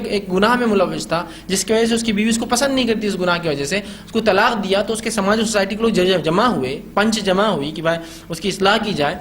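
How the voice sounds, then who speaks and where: A man's voice: high voice, a bit bright, slight background noise. A man giving informal advice on raising children, often checking in with his listeners and acting out what parents say. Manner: conversational, asks "ٹھیک؟" and "ہے نا؟" often; acts out parents' quoted lines.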